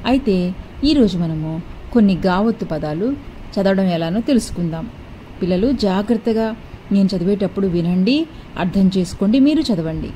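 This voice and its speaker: A woman teacher reading a list of words to children, enunciating slowly and carefully and repeating each word. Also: medium pitch, animated, warm tone, a little hiss or hum, low-quality recording.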